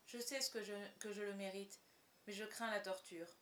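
A woman's voice: mid-range voice, steady tone, normal speed, reverberant, a little hiss or hum, natural voice. Woman voicing a teenage cabin boy, honest, frightened, pleading, sincere, storybook.

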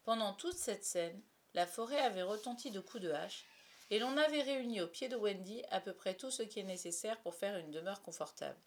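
A woman narrating a storybook aloud, with soft, confiding asides to the listener. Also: mid-range voice, expressive, brisk. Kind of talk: storybook reading.

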